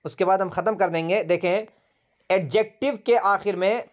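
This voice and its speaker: A man's voice: high-pitched, normal speed. A man teaching an online English grammar class over a video call, patiently repeating words and spelling them out letter by letter.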